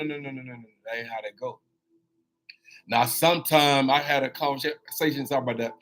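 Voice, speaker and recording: A man in his fifties with a somewhat high voice delivers a motivational talk like a sermon. He calls out to his listeners, repeats lines for emphasis, and laughs often. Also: breathy edge. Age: 50s. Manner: animated and preachy, addressing listeners directly. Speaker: host.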